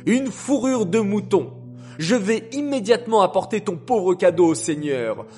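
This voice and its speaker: Guy doing a rude laughing servant, kinda high and loud, slow-ish. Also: expressive, faint music behind. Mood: jeering. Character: mocking loud male servant.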